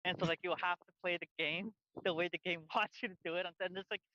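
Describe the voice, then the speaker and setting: A man's voice: high-pitched, fairly even intonation, fast talker, bright, forceful tone, muffled recording. A man co-hosting a podcast in casual chat, rambling with lots of fillers and restarts while wearing headphones. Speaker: podcast co-host. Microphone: headphones on, outdoors by a busy street.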